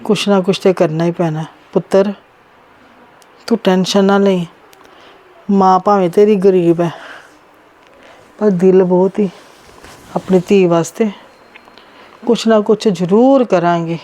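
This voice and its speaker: A woman's voice: sits high, moderate pace, pauses often, darkish tone, lightly acted. A woman playing a poor mother who coaxes and instructs her married daughter, in a family drama. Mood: worried. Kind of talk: amateur family drama acting.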